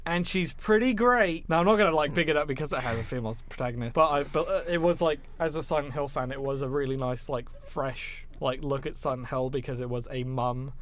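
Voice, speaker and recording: A man co-hosts a podcast in a casual film discussion, speaking emphatically as an opinionated fan and swearing now and then. His medium-pitched voice comes fast, with few pauses.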